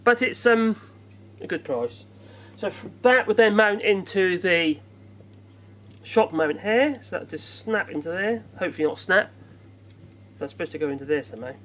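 High-voiced rambling man. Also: expressive, moderate pace, fairly bright tone. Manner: rambling, jokey, self-deprecating. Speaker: gadget reviewer. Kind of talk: casual unboxing chat to camera. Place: outdoors in bright sun.

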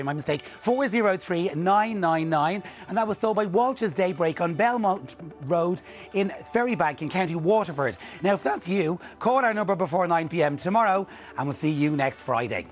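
A middle-aged man presenting a TV bingo draw in a clear, measured, scripted style. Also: a little high. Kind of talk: scripted game-show presenting, calling out numbers. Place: TV studio. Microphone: lapel mic. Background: music.

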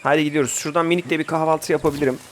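There's a little hiss or hum as a young man, his voice on the high side and fairly even in tone, races through a survival game Let's Play. He talks casually, tells his group what to do, and bursts out suddenly now and then.

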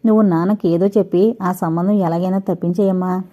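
A woman's voice: on the low side, fairly even intonation, brisk, warm tone, close to an everyday voice. A woman voicing a playful, scheming young man who teases and boasts, in an audiobook reading. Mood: teasing.

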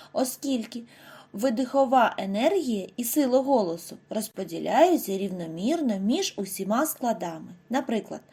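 Lively, mellow-voiced woman teaching young children. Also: mid-range voice, breathy edge. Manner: slow, over-articulated model words for children. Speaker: primary school teacher. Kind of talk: scripted lesson narration for first graders.

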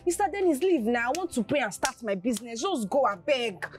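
A woman's voice: on the high side, very animated, faint music behind. An indignant young Nigerian woman. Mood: annoyed, firm. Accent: Nigerian English. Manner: indignant, rapid questioning. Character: young woman Olivia, angry and proud, shop owner. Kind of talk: Nollywood film drama.

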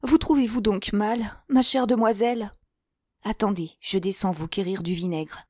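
A woman's voice: mid-range voice, moderate pace, a little mellow, dry recording, clean studio sound, pitched above the performer's own voice, lightly acted. Woman narrator playing a bustling middle-aged jailer's wife, fussy, motherly. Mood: fussing. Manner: fussing, exclaiming, motherly. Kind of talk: audiobook character reading.

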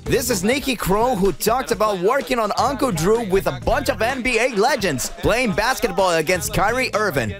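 A man's voice: high-pitched, lively intonation, normal speed, few pauses. A man reading upbeat scripted narration for a video of clips. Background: clear music.

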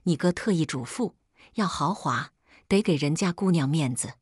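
A nagging older mother who sighs and complains, full of self-pity, put on by a woman telling the story. The voice is low and a bit breathy, and it rises and falls a lot. It is recorded dry and close as storybook narration. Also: lively intonation, moderate pace, no echo. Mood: scolding. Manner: sighing, complaining.

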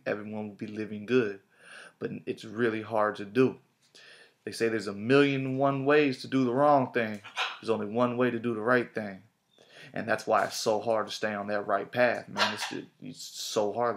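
A man's voice: on the low side, a bit bright, slight background noise. A man giving a casual motivational talk to camera, slangy and repetitive in his phrasing. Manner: casual, repeats himself, slangy. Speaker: vlogger.

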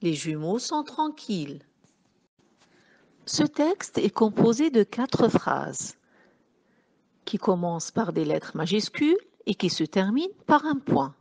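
Brief: woman schoolteacher, very slow deliberate delivery, melodic rising and falling voice, spells out syllables. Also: medium pitch. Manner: slow, syllable-by-syllable dictation, addressing pupils warmly as children. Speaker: teacher. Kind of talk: slow phonics lesson for young children.

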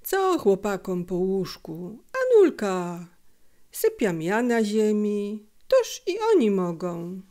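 A woman reading an audiobook voices a weary, poor father of a working family, speaking plainly and quietly. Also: mid-range voice, big pitch swings, slow pace.

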